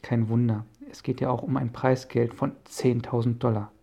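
A man reading a friendly inventor professor in an audiobook, calm and explaining, with a gravelly voice. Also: mid-range voice, moderate pace. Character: friendly middle-aged male inventor professor. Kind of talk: audiobook character voice.

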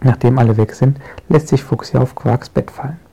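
Children's audiobook narrator, male, gravelly, dark and mellow. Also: mid-range voice, normal speed, rough recording. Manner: gentle, lively storytelling. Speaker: storyteller.

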